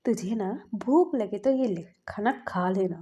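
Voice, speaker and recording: A woman's voice: medium pitch, lively intonation, unhurried, dark tone, breathy edge. A woman voicing a bossy, protective older brother who orders his sibling around. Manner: bossy, commanding.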